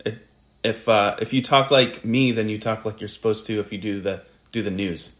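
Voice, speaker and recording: A man with a General American accent, co-hosting a casual podcast, reflective and halting as he thinks aloud. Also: on the low side, steady tone, fairly bright tone. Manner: reflective, halting, many restarts. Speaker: podcast co-host. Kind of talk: casual conversation.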